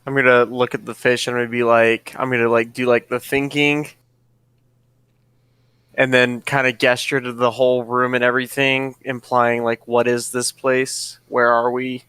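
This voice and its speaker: A man with a clear, mid-pitched voice takes part in a tabletop game. He talks casually as a player, and the sound is close and dry. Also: flat delivery, normal speed, bright, forceful tone, no echo.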